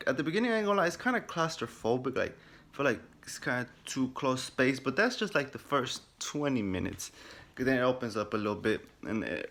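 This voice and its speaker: A man recapping a video game at home in his room, telling it animatedly, swearing heavily and acting out reactions. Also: mid-range voice. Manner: animated storytelling, heavy swearing, acts out reactions. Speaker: gaming vlogger. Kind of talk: casual game first-impressions recap.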